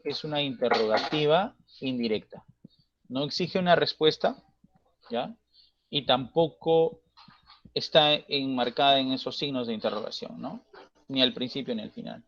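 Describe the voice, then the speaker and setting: A man teaches grammar in a bright, forceful voice. He explains patiently and keeps checking understanding with short tag questions. The sound is dry and somewhat dull, like a lo-fi online class recording. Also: medium pitch, no room sound.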